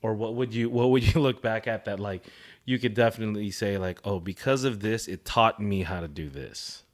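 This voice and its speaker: A man's voice: fairly low pitch, moderate pace. A man in his thirties hosting a podcast, asking questions in casual chat, joking and laughing often. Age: 30s. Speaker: podcast host.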